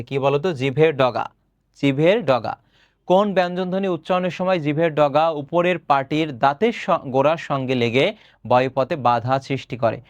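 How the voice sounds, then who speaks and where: A man's voice: on the high side, dry recording, dull audio. Young male teacher answering his own questions. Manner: explains step by step, asks questions and answers them himself; clears his throat often. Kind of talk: recorded online class lecture.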